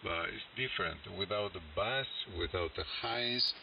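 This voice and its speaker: A Greek amateur radio operator from Greece chats casually over a shortwave link, halting and searching for words in his non-native English. His voice is on the low side and creaky, heard through a distant mic. The transmission is hissy and muffled.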